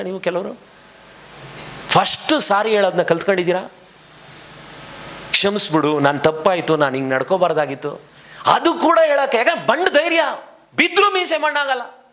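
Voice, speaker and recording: A man's voice: high-pitched, fairly bright tone. A man preaching a sermon as pastor to his congregation, impassioned, with many rhetorical questions, speaking. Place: church hall.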